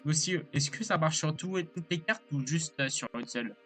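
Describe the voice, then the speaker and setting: A man's voice: a little high, normal speed, a bit bright, faint music behind. A man giving casual let's play commentary, hesitant and rambling with lots of fillers and apologies. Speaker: gaming YouTuber.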